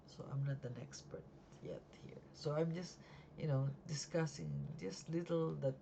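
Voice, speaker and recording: Explaining policies in a casual home video at night, a life insurance agent still learning the trade speaks in a raspy, sleepy voice of medium pitch with lively intonation. The delivery is halting, full of fillers and restarts, and the audio is dull over a noisy background.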